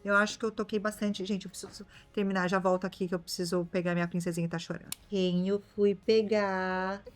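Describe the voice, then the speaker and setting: A woman's voice: medium pitch, flat delivery, fairly quick, faint music behind. A young Brazilian woman with a Brazilian Portuguese accent, chatting casually to her viewers in a vlog and often checking in with them. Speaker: vlogger.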